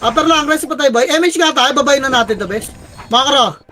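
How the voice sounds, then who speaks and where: Young guy yelling rapid game callouts at his squad, really high bright voice, a bit of hiss behind him. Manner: barks rapid repeated callouts, swears when frustrated. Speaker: squad leader calling commands. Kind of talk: shouted game commands to a team.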